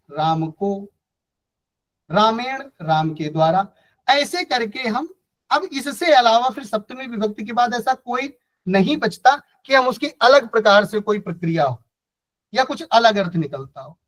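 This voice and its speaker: A man's voice: extremely high pitch, low-quality recording. A man teaching a Sanskrit grammar class, explaining step by step and asking the class questions, with a Hindi-speaking North Indian accent. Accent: Hindi-speaking North Indian, from Kanpur area. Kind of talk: online class lecture.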